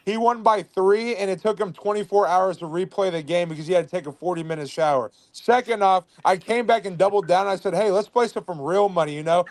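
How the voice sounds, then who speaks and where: A man on a video call brags and trash-talks his rival, swearing freely. His voice sits fairly high for a man and comes fast and combative. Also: darkish tone. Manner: boastful, brash, swearing. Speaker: guest player calling in. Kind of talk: trash-talking casual chat.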